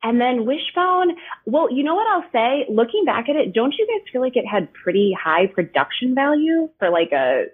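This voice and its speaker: A woman in her thirties chats as a podcast guest, her pitch swinging widely as she jokes at her own expense. Her voice is breathy and comes through a tinny, phone-like line. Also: normal speed. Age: 30s. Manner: animated, self-deprecating. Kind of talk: casual podcast chat.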